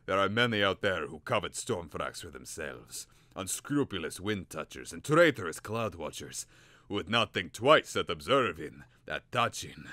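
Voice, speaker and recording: A man's voice: low voice, sing-song, moderate pace, bright, forceful tone, no room sound, heavily acted. A man voicing a stern old male professor who speaks solemnly and declaims. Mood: grave.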